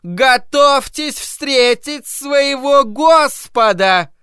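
A fanatical old woman preaches doom in a high, piercing voice, stretching every word slowly and calling down judgment, as a male storybook narrator puts her on. Her words ring out clean and crisp in a dry space, with soft music underneath. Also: no room sound. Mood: preaching. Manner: slow, drawn-out, preaching and shrill.

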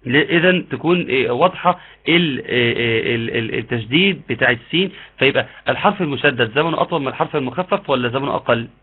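A man with an Egyptian accent teaching an online tajweed lesson, explaining patiently and modeling slow recitation. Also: medium pitch, slightly rough. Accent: Egyptian Arabic. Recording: tinny phone-like line.

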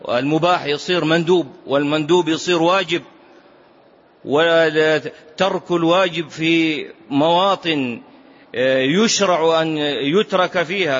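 Higher-voiced man teaching, dull lo-fi recording. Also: fairly bright tone. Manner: repeats key phrases for emphasis; asks rhetorical questions, prompts listeners with "ha?". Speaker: sheikh teaching a classical text. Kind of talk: religious lesson.

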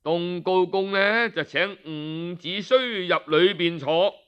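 Telling a traditional tale in a lively, colloquial storyteller's style, a man speaks with a Cantonese accent. His voice is high-pitched, slow and smooth, though the recording sounds muffled.

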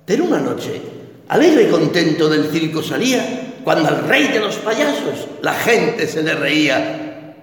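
Theatrical man reciting slowly. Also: fairly high pitch, sing-song. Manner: theatrical, declamatory. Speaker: actor, guest. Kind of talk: dramatic poetry recitation. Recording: echoey hall, distant mic.

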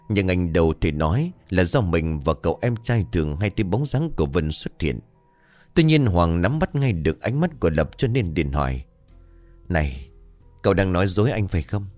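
A man's voice: deep voice, very animated, moderate pace, a little mellow, no room sound, faint music behind. A man narrating a ghost story in a dramatic, scripted storytelling manner.

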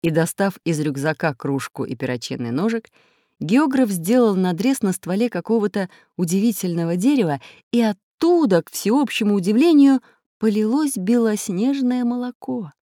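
A narrator reading a children's adventure audiobook in a lively storytelling manner. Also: mid-range voice, moderate pace, no echo, studio quality.

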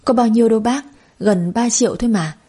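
A scheming young woman who speaks in honeyed, ingratiating tones, as a woman narrator puts her on. Her voice is soft and mellow, with a breathy edge. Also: on the high side, fairly quick. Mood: sugary flattering. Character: sweet-talking scheming young woman, flatterer.

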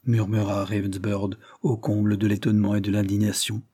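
Low, husky male audiobook reader. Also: monotone, brisk, dark tone, dry recording, clean studio sound. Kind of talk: scripted narration of a Victorian novel.

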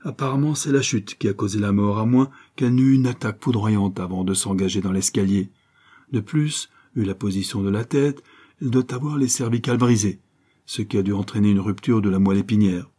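A man voicing a calm young emergency doctor who speaks in a matter-of-fact way, in an audiobook. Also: fairly low pitch, brisk, husky.

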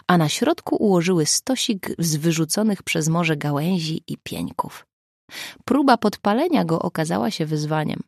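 A woman narrating an audiobook in an expressive storytelling manner. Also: low-pitched, gravelly, no echo, studio quality.

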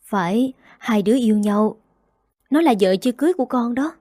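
A woman's voice: fairly high pitch, lively intonation, fairly quick, dark tone, dry recording, studio quality. A woman voicing a worried middle-aged mother in a storybook reading, speaking in a choked, pleading way. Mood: explaining.

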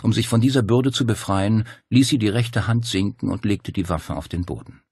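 A man reading a thriller audiobook in a steady, measured storytelling voice. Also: on the low side, husky, no echo, studio quality. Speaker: audiobook narrator. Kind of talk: scripted narration.

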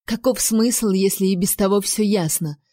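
A woman voicing a proud young noblewoman who speaks in a sharp, accusing way. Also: medium pitch, moderate pace, no room sound, studio quality, close to an everyday voice. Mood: furious.

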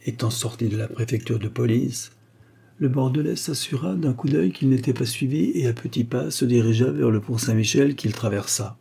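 A man narrating an audiobook in a measured, steady way. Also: mid-range voice, creaky, husky. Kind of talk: audiobook reading.

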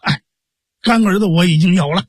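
A man's voice: high voice, brisk, breathy edge, dry recording, studio quality. A male storyteller voicing a stern, heroic older swordsman who speaks tersely and commandingly.

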